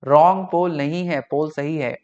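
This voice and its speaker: A man's voice: fairly high pitch, fairly even intonation, moderate pace, a little mellow, clear, resonant tone, highs cut off. A young man with an Indian accent teaching a live online class, switching between Hindi and English and often checking in with the students. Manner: mixes Hindi and English, chatty, checks in with "right?". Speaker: online tutor.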